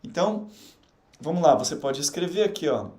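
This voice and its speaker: A middle-aged Brazilian man teaching English on an unedited live stream, chatty and explaining slowly with many fillers. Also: fairly high pitch, animated, darkish tone. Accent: Brazilian Portuguese. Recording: echoey room with faint background hum.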